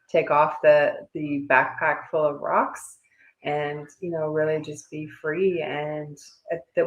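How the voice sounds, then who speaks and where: A woman host with a low voice chats casually. She affirms what she hears warmly, and her voice carries a roomy echo. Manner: warm, affirming. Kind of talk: casual chat.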